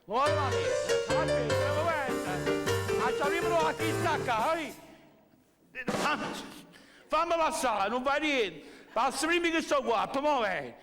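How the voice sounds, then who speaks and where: An actor playing a boastful Neapolitan street tough in a comic sketch, blustering in local street slang. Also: male voice, very high-pitched, expressive, measured pace. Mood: bossy. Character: swaggering Neapolitan street tough demanding to go first. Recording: echoey, loud music.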